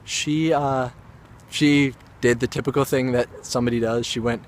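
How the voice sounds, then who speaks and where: A young man talks straight to his camera, rambling through an anecdote with plenty of self-aware asides. His voice sits in an ordinary middle pitch. A faint hiss of background noise stays under the recording. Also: steady tone, moderate pace. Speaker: actor and vlogger. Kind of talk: casual storytelling vlog.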